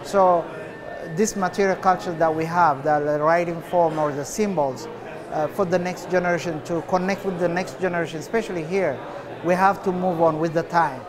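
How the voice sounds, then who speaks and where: Speaking on the high side, an artist from Ethiopia in his forties handles interview questions in a relaxed, slow way with frequent filler pauses. The recording was made inside a cafe, with crowd noise present.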